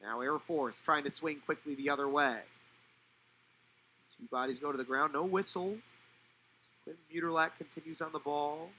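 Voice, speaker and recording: A young man giving live play-by-play commentary on a college soccer match, fluent and rising in pitch when the play turns attacking. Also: fairly even intonation, moderate pace, long pauses, pushed and bright, low-quality recording.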